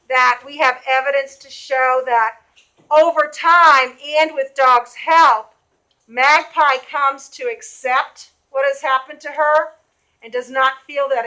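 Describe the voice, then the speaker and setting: High, bright-voiced Boston-accented teacher. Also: female voice. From Boston area. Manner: questioning, calls on students by name. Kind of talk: classroom reading lesson. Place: classroom. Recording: echoey classroom.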